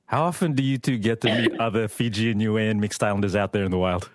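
A man hosting a radio interview, talking in a relaxed, chatty way with casual slang. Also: fairly low pitch, fast talker, dry recording, clean studio sound. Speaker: radio host.

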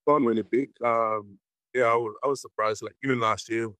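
A man's voice: mid-range voice, fairly even intonation, a little fast, a bit bright, no echo, rough recording. A man, a former sumo wrestler answering interview questions hesitantly with many fillers and restarts. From Tonga.

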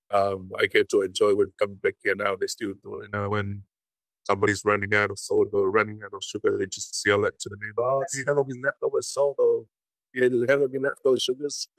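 A Tongan man in his forties, a former sumo wrestler, answering interview questions in a halting way with many fillers and restarts. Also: on the low side, dry recording, poor audio. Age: 40s.

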